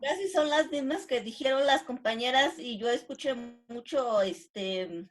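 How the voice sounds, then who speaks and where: Woman, student, slow, unsure, higher voice. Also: animated. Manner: slow, unsure, careful word listing.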